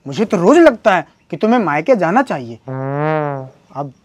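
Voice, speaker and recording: A man's voice: on the high side, sing-song, a little slow, dry recording. A man playing a husband in a comedy sketch, trading dry, sarcastic quips with his wife and building into exasperated rants. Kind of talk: scripted comedy sketch acting.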